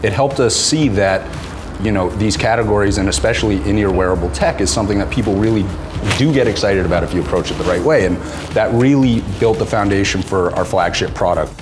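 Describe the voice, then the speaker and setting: A man with a fairly low voice speaks as a tech company representative. He explains things in an interview, with faint music behind him. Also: a little fast.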